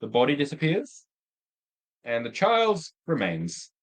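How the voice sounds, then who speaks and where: A man's voice: a little high, wildly swooping pitch, a little slow, low-quality recording. Laid-back dm guy, wry, voice jumps around a lot. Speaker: game master. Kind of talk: narrating a tabletop game.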